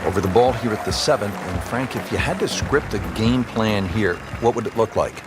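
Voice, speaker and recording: A man's voice: lowish voice, normal speed. A man working as a golf commentator, calling play in short descriptive phrases and putting questions to his partner. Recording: loud music and crowd behind.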